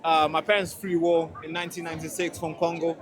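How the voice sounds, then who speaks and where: At an outdoor protest, a street interviewer approaches people with friendly questions in a casual way, full of fillers and restarts. He was born in a Tanzanian refugee camp. He talks fast in a fairly high voice with little pitch movement, and crowd noise surrounds him.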